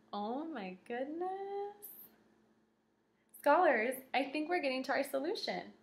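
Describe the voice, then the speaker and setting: Reading aloud in a small room at home, this young kindergarten teacher asks the children questions with clear, encouraging articulation. Her voice is high and lively in intonation, and she speaks slowly. The home video sounds roomy and echoing.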